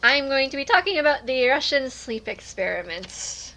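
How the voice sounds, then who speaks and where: Woman podcast co-host, bright tone, slightly high, playful banter, faint noise behind. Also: sing-song, normal speed. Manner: playful, jokey, repeats catchphrases. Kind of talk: casual podcast chat.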